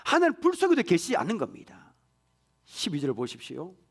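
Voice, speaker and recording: A pastor preaching a sermon in a church, swinging from hushed whispers to loud exclamations. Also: male voice, high voice, huge pitch swings, brisk, breathy edge.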